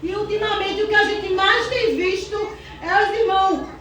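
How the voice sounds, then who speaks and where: A woman with a very high voice gives a fervent church testimony, fighting back tears as she calls out praise. She is picked up from a distance in a very echoey hall. A faint hum of the room sits underneath. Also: steady tone, normal speed, a bit bright. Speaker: church member giving testimony.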